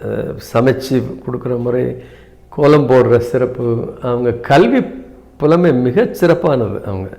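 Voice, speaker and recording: Man, 70s, interview guest; measured, hesitant delivery with fillers and occasional English phrases. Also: mid-range voice, expressive, creaky, a little mellow. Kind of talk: reflective interview talk.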